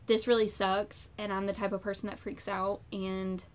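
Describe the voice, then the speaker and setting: A young woman vlogger telling a personal story in a casual, chatty way, full of fillers and animated retellings. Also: mid-range voice, normal speed.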